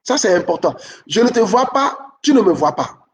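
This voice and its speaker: A man with a notably high voice gives relationship advice in a steady, instructive talk. He drives points home by repeating them and keeps pausing to check that listeners follow. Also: recorded from a distance, dull audio.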